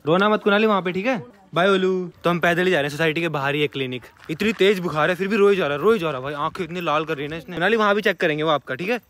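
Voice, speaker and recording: A young man filming a casual vlog at his family home patiently coaxes a sick child and explains things to them. He talks very fast with few pauses, in a fairly high, fairly bright voice.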